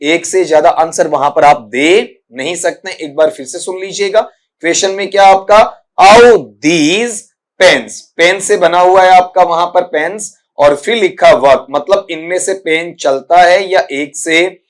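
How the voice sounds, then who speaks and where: A man from India teaching an exam prep English lesson. He repeats words slowly and calls his students "beta". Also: sits high, fairly even intonation.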